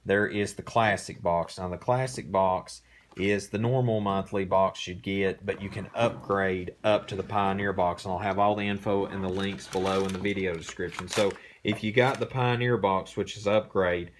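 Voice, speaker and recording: A man hosting a casual unboxing, talking in a relaxed, rambling way with many fillers, recorded indoors on a camera mic. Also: low-pitched, normal speed, slight background noise. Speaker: host. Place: indoor room.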